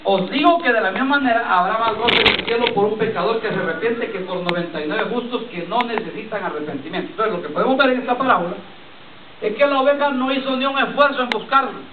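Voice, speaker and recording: Preaching to his church congregation, a man offers personal testimony, repeats phrases, and regularly addresses listeners as brother amid their responses. He speaks quickly in a high voice, and the far-off, tinny lo-fi recording is reverberant, with crowd noise.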